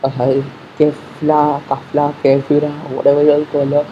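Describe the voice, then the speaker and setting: A fan giving casual commentary on an episode preview, haltingly thinking aloud, repeating and correcting themselves, on a muffled recording. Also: medium pitch, completely flat delivery. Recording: muffled sound with faint background noise.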